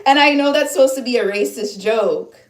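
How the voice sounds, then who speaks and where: This livestream host is a woman in her 30s from upstate New York who chats casually with commenters, rambling through plenty of fillers and restarts. She speaks a little fast in a voice on the high side, recorded in an echoey room.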